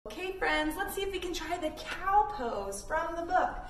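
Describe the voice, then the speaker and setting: Very high-pitched and animated at a moderate pace, a woman leads young children through a read-along yoga lesson. She reads the picture book expressively and offers simple, encouraging guidance, heard through a distant mic in an echoey room with noise behind her.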